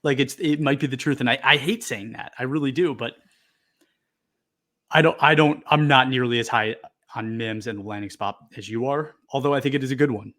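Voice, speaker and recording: A man's voice: mid-range voice, a little fast, fairly bright tone. A man co-hosting a sports podcast, chatting casually and hedging as he thinks aloud. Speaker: podcast co-host.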